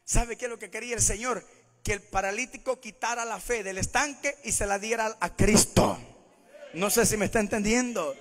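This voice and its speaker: A man's voice: sits high, moderate pace, fairly bright tone, big-room sound. A Salvadoran man with a Salvadoran Spanish accent, preaching a sermon in church, who keeps calling out to the congregation as brothers and sisters.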